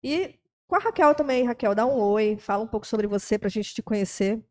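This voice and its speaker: A woman's voice: on the high side, brisk, a little mellow. A woman hosting a casual podcast interview, chatty and often checking for agreement. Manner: chatty, seeks agreement with frequent tag questions. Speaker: podcast host.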